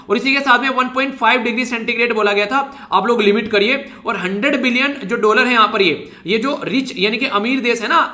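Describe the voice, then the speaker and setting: Fast-paced man teaching exam-prep current affairs, high bright voice, chatty with joking asides, roomy echo. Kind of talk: exam-prep lecture in Hindi.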